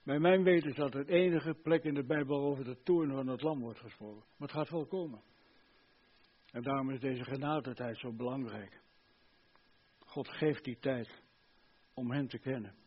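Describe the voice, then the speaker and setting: Older man preaching fervently, husky. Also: medium pitch, moderate pace, long pauses, highs cut off. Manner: fervent, swinging from loud emphasis to hushed earnestness. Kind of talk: sermon.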